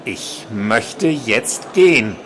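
A man's voice: mid-range voice, lively intonation, drawn-out words, fairly bright tone, a little hiss or hum. A man voicing a frightened but composed female nurse who speaks firmly, while reading from his novel. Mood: tense firm. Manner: firm, controlled.

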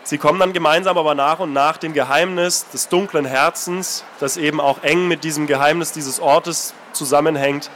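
Thoughtful male author, slightly high voice. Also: slight background noise. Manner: thoughtful and relaxed, with filler sounds. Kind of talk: interview, then reading from his novel.

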